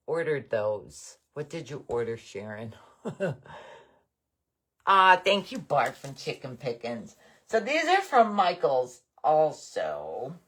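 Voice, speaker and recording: A woman's voice: low voice, huge pitch swings, slow, fairly bright tone, slightly rough. An older woman hosting a craft livestream, chatting casually and rambling happily with her viewers. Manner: chatty, rambling, enthusiastic about bargains. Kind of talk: casual live-stream chat with viewers.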